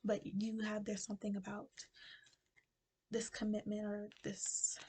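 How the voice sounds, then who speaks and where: A woman giving a casual spiritual card reading to her viewers, talking with a retainer in her mouth and dropping into soft whispers as she muses. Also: mid-range voice, monotone, a little hiss or hum. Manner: slow, musing delivery with soft whispered phrases; casual, chatty address to viewers. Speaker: tarot card reader.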